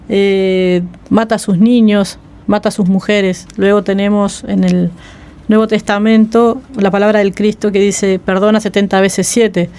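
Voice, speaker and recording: Woman, radio interviewer, mid pitch, smooth clear voice, measured questions. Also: darkish tone. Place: radio studio.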